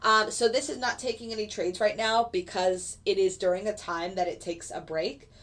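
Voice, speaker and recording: Her voice sits in the mid-range, slightly bright, with fairly even intonation at a normal speed. Congested from a lingering cold, this woman streams live as a futures day trader, talking through her trades in a relaxed way and answering viewers with filler words.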